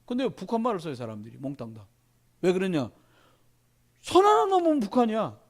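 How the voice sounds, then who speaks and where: Male pastor, middle-aged, high and very animated delivery, sermon in church. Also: fairly quick. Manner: animated preaching, addresses congregation directly.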